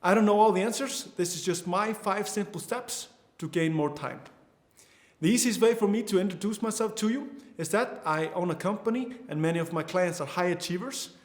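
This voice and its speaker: A high-pitched man in his twenties from Iceland, with an Icelandic accent, teaches an online course in an echoey room. He's an earnest course instructor who often restarts his sentences and uses lots of fillers.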